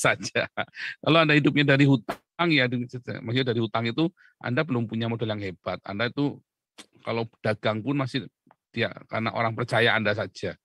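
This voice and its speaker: A man's voice: mid-range voice, a bit bright, no echo. Chatty preacher man, dry close sound. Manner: chatty, keeps asking the listeners questions; often clears his throat and chuckles. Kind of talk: conversational devotional sermon.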